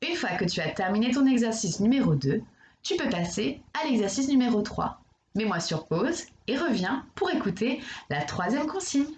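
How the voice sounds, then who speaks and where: A woman primary school teacher talking a young child through exercises in a recorded lesson, with slow, careful enunciation. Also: a little high, sing-song, a little mellow, slight background noise. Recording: echoey room.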